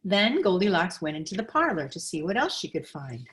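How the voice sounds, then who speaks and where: This storybook reader is a woman with a lowish voice, reading a children's picture book aloud with expressive, deliberate storytelling.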